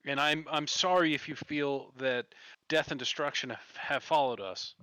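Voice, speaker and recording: A man's voice: fairly high pitch, normal speed, bright, forceful tone, smooth, no room sound. A man playing a hesitant, apologetic tinkerer woman. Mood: apologetic, earnest. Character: anxious, apologetic woman tinkerer, conflict-shy.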